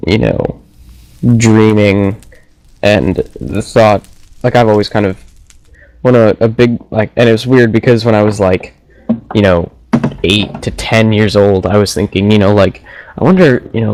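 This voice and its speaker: A man's voice: fairly low pitch, darkish tone, no room sound, poor audio. A young man co-hosting a casual philosophy chat, rambling with lots of "like" and "you know". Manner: rambling, filler-heavy. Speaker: co-host.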